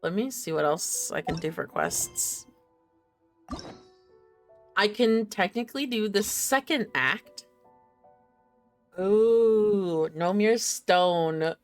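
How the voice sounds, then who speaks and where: A game streamer with a medium-pitched voice speaks slowly, leaving long pauses, as soft music plays behind her. She chats casually and playfully with herself and her viewers, giggling along the way.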